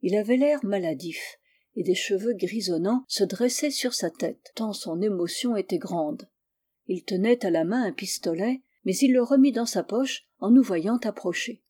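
Mellow-voiced woman narrating a story. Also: medium pitch, normal speed, slightly rough. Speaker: audiobook reader. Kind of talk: scripted narration.

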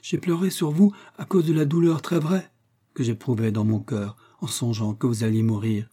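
Man doing loyal grateful shark-man creature, dignified, earnest, dark tone, breathy edge, storybook reading. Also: mid-range voice, fairly even intonation, normal speed, close to an everyday voice. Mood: reproachful.

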